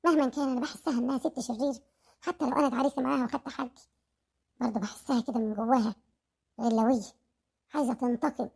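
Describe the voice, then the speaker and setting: A woman's voice: on the high side, creaky, warm tone, husky. A woman voicing a scared young wife who pleads and repeats herself, with an Egyptian accent.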